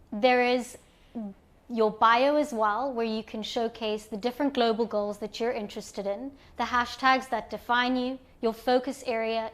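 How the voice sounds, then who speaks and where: A woman with a slightly high voice, from Zimbabwe, presenting an online platform. She explains each screen calmly and in order, as a guided walkthrough for new users. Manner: calm step-by-step explaining.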